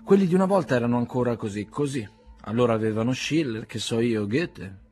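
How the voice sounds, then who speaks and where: A man reading as a haughty aristocratic older gentleman. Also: mid-range voice, animated, a little fast, faint music behind, close to an everyday voice. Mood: cold, haughty. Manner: icy, mannered courtesy.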